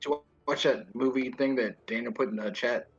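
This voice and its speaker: A man's voice: mid-range voice, a little fast, slightly rough, dull audio, soft background music. A man playing in a tabletop game, chatting casually with lots of slang. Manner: casual, slangy, says "bro". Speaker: player. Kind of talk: casual chat.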